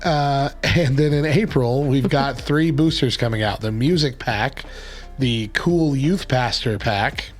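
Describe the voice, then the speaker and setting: A man with a gravelly, hoarse whiskey voice, recovering from bronchitis, chatting casually as the host of a morning radio show. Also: medium pitch, measured pace, soft background music.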